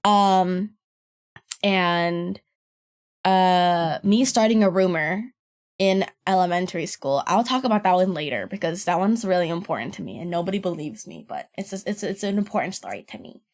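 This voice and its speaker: This podcast guest is a young woman whose voice sits on the deeper side, and her intonation is lively at a moderate pace. She rambles through stories in a casual chat, laughing and swearing often.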